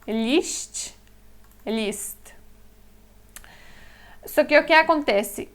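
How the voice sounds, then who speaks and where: Slow, careful woman teaching Polish. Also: sits high, a bit bright. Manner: spells out words slowly, repeats them, laughs lightly. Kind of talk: slow explanatory lesson.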